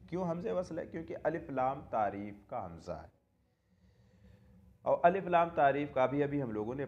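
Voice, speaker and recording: Male tajweed teacher, animated sing-song delivery, dull lo-fi recording. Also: mid-range voice. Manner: asks rhetorical questions and answers them, repeats key terms. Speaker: Quran recitation teacher. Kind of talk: classroom-style lesson explaining tajweed rules.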